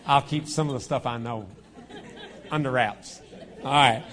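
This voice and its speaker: Speaking into a lapel mic in a noisy church auditorium with crowd sounds around him, a hoarse guest preacher with a cold kicks off his sermon jokingly. He's folksy and self-deprecating, chuckling as he goes, his mid-range male voice a little slow.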